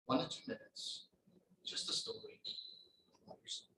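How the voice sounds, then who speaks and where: A man's voice: moderate pace, bright, forceful tone, slight background noise, poor audio. A man hosting a speaking club meeting, casually encouraging members to share short stories. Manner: encouraging, casual, repeats words. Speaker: table topics master at a speaking club meeting.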